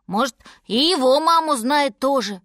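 Woman as a lively, bossy bear cub boy, bright and bouncy. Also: sits high, normal speed, no room sound, studio quality, pitched above the performer's own voice. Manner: mocking, bossy.

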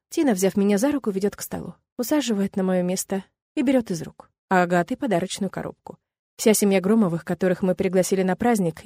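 A woman's voice: medium pitch, mellow, no echo. Woman reading an audiobook, dry sound. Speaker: audiobook narrator. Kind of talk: first-person audiobook narration.

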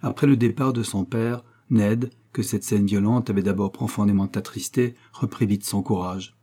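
A man narrating a novel as an audiobook in a measured storytelling voice. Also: on the low side, fairly even intonation, warm tone, slightly rough.

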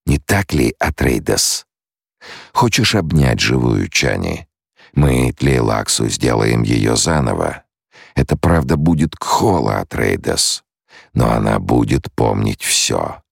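A man voicing a cunning male shapeshifter who bargains slowly and menacingly in an audiobook. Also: extremely low pitch, sing-song, vocal fry, husky, dry recording, studio quality, full character voice. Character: cunning male face dancer, scheming menace.

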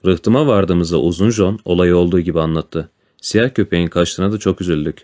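A man reading a classic adventure story aloud as a narrator, in a calm, even storytelling manner. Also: deep voice, brisk. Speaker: audiobook narrator. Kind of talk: storybook narration with voiced dialogue.

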